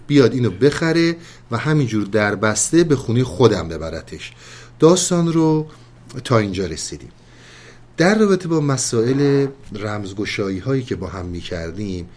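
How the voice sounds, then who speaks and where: A man teaching mystical poetry. He retells a story and recites verses in a calm, measured way, and addresses his listeners politely. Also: lowish voice.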